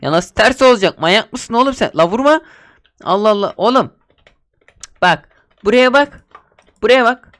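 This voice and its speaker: Man, gaming host, Minecraft let's play commentary, excitable, laughing and bossy, very lively pitch. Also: moderate pace, long pauses.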